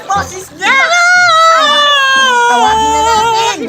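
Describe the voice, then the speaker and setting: A woman voicing an eager, cheerful young boy in a cartoon, excitable and bossy. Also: very high voice, slow pace, a loud crowd. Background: background music.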